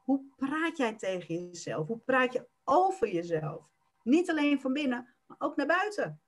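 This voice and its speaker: A woman coach speaks in a podcast interview, her voice sitting a little high. She explains calmly and now and then slips into rapid acted-out self-talk. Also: faint music behind. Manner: acts out inner self-talk in quick bursts.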